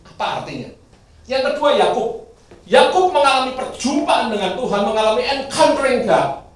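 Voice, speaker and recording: A male pastor preaching a sermon, moving from loud bursts to quiet asides. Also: very high-pitched, normal speed. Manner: lively, swings from loud bursts to quiet asides, sings briefly. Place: church hall. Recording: echoey hall, mic at a distance.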